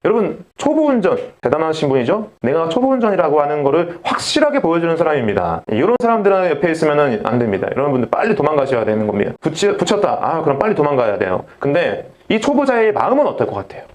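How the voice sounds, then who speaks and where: Animated young male pastor preaching. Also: fairly high pitch, fast talker, few pauses. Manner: animated storytelling, acting out dialogue. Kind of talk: sermon.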